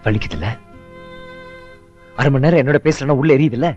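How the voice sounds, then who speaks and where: A man's voice: mid-range voice, fairly quick, a little mellow, lo-fi sound, lightly acted. An actor playing an earnest young grandson who coaxes and pleads with his grandfather. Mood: reproachful. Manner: coaxing, emotional. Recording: film audio with music.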